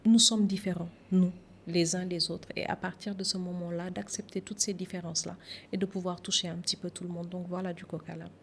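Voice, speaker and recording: A woman from Senegal, a guest on a podcast interview, speaking in a reflective, measured way with some hesitations. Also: fairly low pitch, flat delivery, slight background noise.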